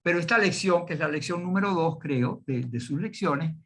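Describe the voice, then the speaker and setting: Older Venezuelan professor, halting and digressive. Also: male voice, a little high, expressive, fairly bright tone. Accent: Venezuelan Spanish. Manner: digressive, many fillers and restarts. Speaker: law professor. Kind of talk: online university lecture.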